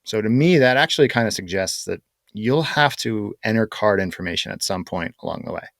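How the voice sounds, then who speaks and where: A man co-hosting a podcast, talking casually and explaining things with many fillers and pauses. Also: lowish voice, expressive, dry recording, studio quality. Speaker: podcast co-host. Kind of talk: casual chat.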